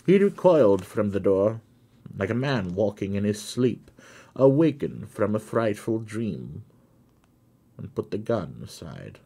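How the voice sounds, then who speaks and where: A man reading a classic story aloud for his stream, slow and deliberate, rising for the quoted lines. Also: fairly low pitch, big pitch swings, creaky, mellow, breathy edge. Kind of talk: dramatic audiobook reading.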